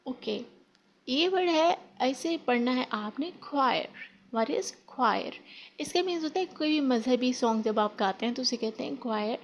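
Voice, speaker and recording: A woman teaching a spoken English lesson in Hindi, drawing out example phrases slowly and often correcting herself. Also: sits high, highs cut off, slight background noise. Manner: slow drawn-out example phrases, frequent self-corrections.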